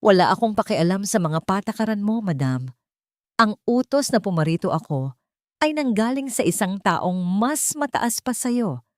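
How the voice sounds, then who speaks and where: A woman voices a commanding, middle-aged male surgeon full of authority, lightly acted and pitched above her own voice. She has a mid-range, a little mellow voice with big pitch swings and normal speed, recorded clean in a studio with no room sound.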